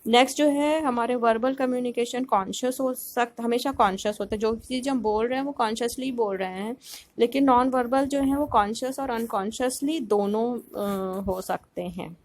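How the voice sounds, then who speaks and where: A woman with a somewhat high voice gives a recorded lecture to her students. She explains each point step by step, pausing often with fillers and mixing English terms into her speech. It sounds like a simple phone recording. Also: darkish tone, no room sound. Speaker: teacher.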